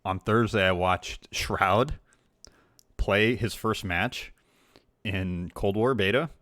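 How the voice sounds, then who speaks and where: A man co-hosting a gaming podcast, telling stories in a relaxed way with quick bursts when excited. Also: lowish voice, no echo, clean studio sound. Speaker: podcast co-host. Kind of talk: casual gaming chat.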